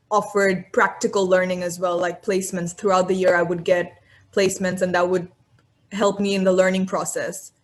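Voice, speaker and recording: A young woman from Bangladesh, a university student, answering questions thoughtfully over a video call and pausing with "um". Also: medium pitch. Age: young adult. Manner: thoughtful, pauses with "um".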